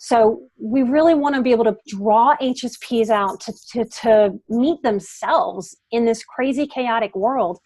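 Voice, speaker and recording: Speaking slowly with few pauses, a middle-aged psychotherapist and life coach talks as a podcast guest in a fairly high, slightly mellow voice. Her delivery is earnest, and she leans heavily on important words during the interview.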